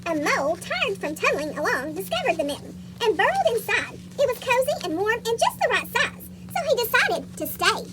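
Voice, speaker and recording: Someone voicing a chipmunk with a squeaky cartoon voice, reading a picture book aloud to children. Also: sing-song, a little fast, heavy background noise. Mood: chirpy storytelling. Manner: asks young listeners questions. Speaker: story reader for children.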